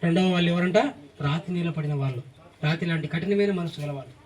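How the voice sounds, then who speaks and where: A man's voice: on the high side, steady tone, fast, a little mellow, far from the mic. A man preaching a sermon, emphatic, reeling off repeated lists and firing questions at the congregation.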